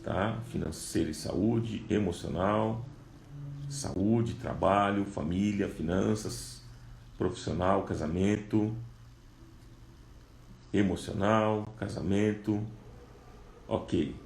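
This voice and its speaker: A man's voice: low voice, slow pace, gravelly, long pauses, darkish tone, echoey room. A man preaching a live-streamed sermon, reading viewers' comments aloud and then reading scripture with rising emphasis.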